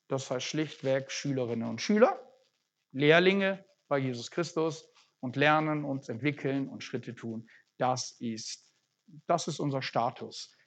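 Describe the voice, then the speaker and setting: Preacher. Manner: searching, often restarts phrases, with lively swings in pitch and loudness. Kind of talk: sermon. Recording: dull lo-fi recording.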